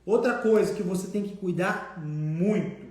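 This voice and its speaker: Brazilian male trainer, higher voice, lively, acts out debtors; heavy room echo. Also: measured pace. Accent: Brazilian Portuguese. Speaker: debt collection trainer. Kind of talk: casual instructive talk. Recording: very echoey room.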